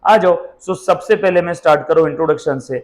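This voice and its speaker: A man teaching a commerce class, putting questions to his students and answering them himself. He mixes Hindi with English phrases, calls the students "beta" and dictates definitions slowly, word by word. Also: on the high side, echoey room, poor audio. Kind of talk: classroom lecture.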